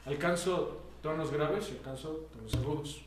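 Mexican young man, slightly high voice. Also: normal speed, slight background noise. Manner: joking, swearing, frequent fillers. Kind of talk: casual chat among friends. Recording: roomy echo.

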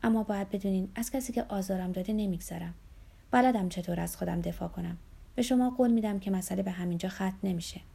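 Lady doing a stern gray-haired old woman, angry and threatening, gravelly husky voice, audiobook. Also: medium pitch, dark tone. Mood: bitter, threatening.

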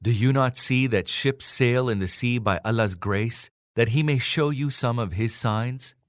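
A man reading a scripture translation aloud in a measured, solemn way. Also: medium pitch, no room sound, clean studio sound. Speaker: scripture reader.

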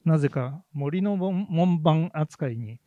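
A man co-hosting a podcast about theatre, talking in a relaxed, hesitant way with many fillers and small laughs. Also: on the high side, slow, no room sound, dull audio. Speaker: podcast co-host, theatre reviewer. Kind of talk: casual chat about plays.

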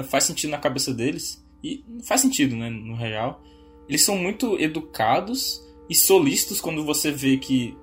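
A man co-hosting a casual chat, telling stories lively and acting out the dialogue. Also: mid-range voice. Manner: animated, acts out quoted dialogue. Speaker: podcast co-host.

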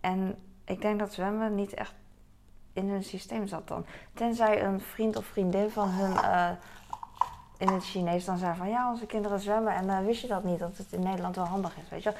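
With slight background noise in the recording, a woman in her thirties talks at a moderate pace in a medium-pitched voice as she does household chores. This mother and vlogger is chatty and rambling, growing animated when she tells a story.

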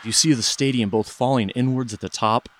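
A man narrating a scripted documentary story in a measured true crime narrator manner, speaking straight to the listener. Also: medium pitch, slight background noise. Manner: measured, addresses listener directly in present tense. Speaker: podcast narrator.

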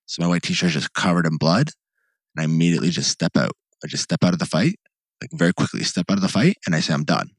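A young man co-hosting a podcast, telling a rambling, animated story full of restarts and "like". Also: sits low, fast talker, dry recording. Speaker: podcast co-host. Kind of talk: casual chat, storytelling.

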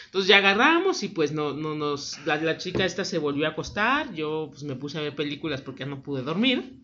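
A young woman with a Mexican accent telling a scary anecdote in casual chat, acting out the voices in her story. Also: brisk. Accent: Mexican Spanish. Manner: animated storyteller, acts out quotes with big pitch jumps. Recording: dull lo-fi audio.

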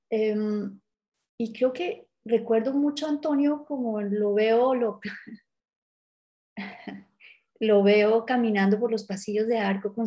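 Mellow-voiced woman recalling thoughtfully. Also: mid-range voice, vocal fry. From Colombia. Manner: thoughtful, unhurried, with frequent hesitations and restarts. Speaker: art world interviewee. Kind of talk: reflective documentary interview.

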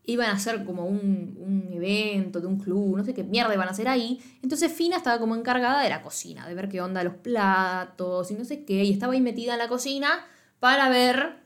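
A woman's voice: medium pitch, fairly quick. A woman with a Rioplatense Spanish accent, co-hosting a podcast and retelling a series with lots of quoted dialogue and slang. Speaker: podcast co-host. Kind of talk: casual chat recapping a TV series.

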